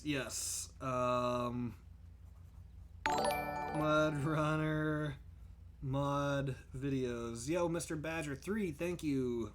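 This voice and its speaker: Thinking aloud while playing a driving game on livestream, a young man chats casually and thanks his viewers by name. He has a mid-range, fairly bright voice, and slight background noise is audible.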